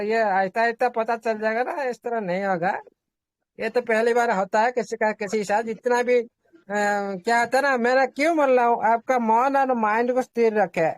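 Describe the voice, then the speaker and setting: A man's voice: extremely high pitch, no echo. A man hosting an online group meeting, explaining casually, repeating himself and reassuring the listeners while mixing in English terms.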